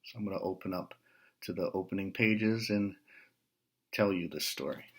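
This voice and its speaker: In a low voice, a man shares a picture book with young listeners, breaking the text into short phrases and adding relaxed remarks and questions along the way.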